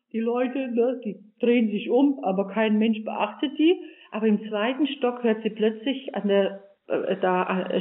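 An older woman speaks as an interview guest, telling stories in an earnest, animated way with frequent fillers. Her voice sits a little high and comes through a thin, phone-like line. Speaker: guest, religious sister and author. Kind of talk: storytelling in a radio interview.

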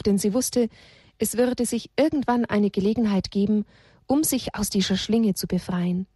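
A woman narrating a children's story, gently expressive. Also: mid-range voice, breathy edge, dry recording, clean studio sound.

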